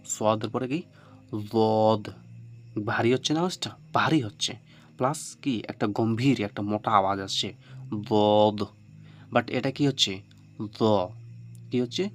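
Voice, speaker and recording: A man with a fairly low voice teaches pronunciation in a relaxed, spoken style. He keeps asking questions and then answering them himself, and he repeats each sound slowly. A faint noise hums behind him. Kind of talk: informal spoken lesson.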